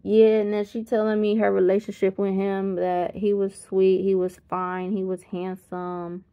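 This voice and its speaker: A woman's voice: mid-range voice, completely flat delivery, measured pace, smooth. A tired woman in her thirties tells a family story in casual, rambling talk. She corrects herself often and chuckles partway through sentences. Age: 30s. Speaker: vlogger. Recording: slightly dull lo-fi sound.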